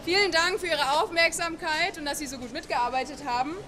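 A woman teaching a language class in a shopping centre, speaking clearly and encouragingly. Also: high-pitched, brisk, over music. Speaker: German teacher. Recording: busy crowd noise behind.

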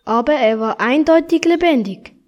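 A woman reading a children's story aloud in a gentle, expressive manner. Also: sits high, moderate pace. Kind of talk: scripted storybook narration.

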